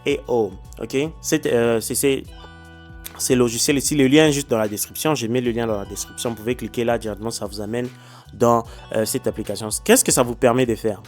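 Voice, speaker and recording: Recording indoors in China, this YouTuber explains how social media monetization works in a relaxed tutorial with on-screen demonstrations, soft music playing underneath. He speaks fairly quickly in a mid-range, slightly mellow male voice with fairly even intonation. Not a native English speaker, he trips over English words, fills pauses and restarts often, and repeatedly checks in with viewers: "ok?"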